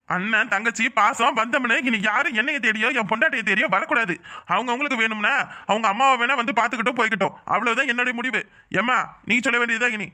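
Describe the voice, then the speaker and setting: A bitter, high-pitched cartoon big brother. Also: male voice, pushed and bright, full character voice. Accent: Kanyakumari Tamil. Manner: bitter, accusing, lecturing. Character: angry betrayed elder brother, middle-aged man. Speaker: head of the family. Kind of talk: cartoon voice acting.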